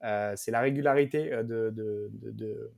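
A man co-hosting a podcast in casual chat, speaking haltingly with many "euh" fillers. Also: on the low side, gravelly, darkish tone, no room sound, studio quality. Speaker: podcast co-host.

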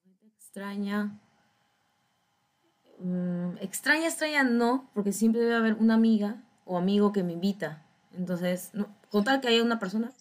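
A woman's voice: mid-range voice, moderate pace, a little mellow. Easygoing woman in chat. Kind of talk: casual chat.

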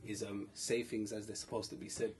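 A man's voice: fairly low pitch, level tone, brisk, heavy background noise. A man with a London roadman accent, co-hosting a podcast with slangy, joking casual banter. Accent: London roadman, urban slang. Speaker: podcast co-host.

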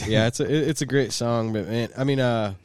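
A man's voice: medium pitch, a little fast, clean tone, no room sound. A man, co-hosting a casual podcast chat, rambling with lots of filler words and swearing. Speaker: podcast co-host.

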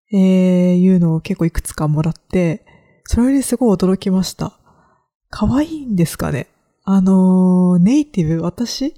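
A woman's voice: medium pitch, mellow. A woman from Kagoshima hosting a solo podcast, talking in a reflective, hesitant way with many fillers. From Kagoshima, Japan. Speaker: podcast host. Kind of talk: solo casual podcast talk.

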